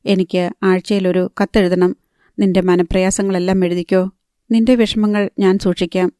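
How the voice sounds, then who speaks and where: A kind young woman affectionately comforts her friend, read by a woman narrator in an audiobook. The voice is mellow and even, and the recording is dry and close. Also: mid-range voice, moderate pace, clean tone, no room sound, natural voice. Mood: comforting.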